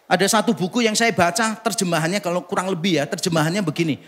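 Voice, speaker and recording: A man preaching a sermon at a church service, with a fairly high voice. He keeps it casual and funny, teasing the congregation and throwing rhetorical questions at them. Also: fast, a bit bright. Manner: humorous, conversational, teasing the congregation. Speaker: pastor.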